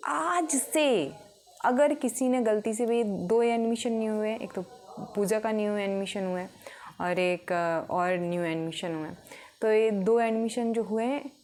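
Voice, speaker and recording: A woman's voice: mid-range voice, measured pace, a little mellow, pitched above the performer's own voice, natural voice. Woman playing a stern scolding schoolteacher. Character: strict female schoolteacher scolding her class.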